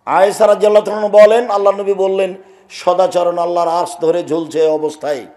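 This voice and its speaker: A middle-aged man preaching a sermon, swinging from loud emphatic declaiming to quiet asides and chanting Arabic phrases. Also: high voice, little pitch movement, brisk.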